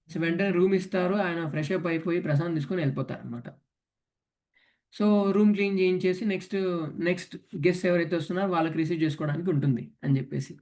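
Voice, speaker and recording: Guy with a high voice teaching a devotional class, lively storyteller. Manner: animated storyteller, mixing English words into his talk.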